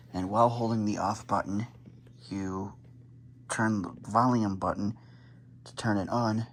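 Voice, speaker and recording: A radio hobbyist vlogger films himself on a handheld phone as he unboxes and sets up a radio, chatting casually and muttering while he handles the gear. His voice is on the low side, with a faint hiss or hum in the recording.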